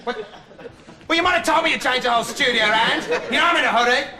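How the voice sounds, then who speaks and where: A bumbling would-be TV reporter. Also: male voice, very high-pitched, fast, crowd noise. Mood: flustered. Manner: meandering, hesitant, full of ums and rights. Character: dim, rambling young male self-styled investigative reporter. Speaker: comic TV character monologue. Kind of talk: deadpan rambling comic monologue. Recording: loud studio audience laughter, noisy old TV tape. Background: audience laughing.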